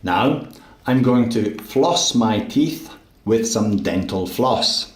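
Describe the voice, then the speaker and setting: Male English teacher, slow and deliberate, somewhat low voice, roomy recording. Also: expressive. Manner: clear, deliberate teaching delivery. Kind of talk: slow, simple narration of daily actions.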